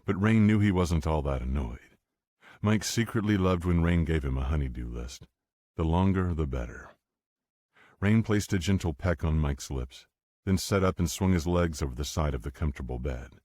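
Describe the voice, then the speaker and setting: A man reading an audiobook romance in a steady, unhurried narration. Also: very deep voice, no room sound, studio quality. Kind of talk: scripted narration.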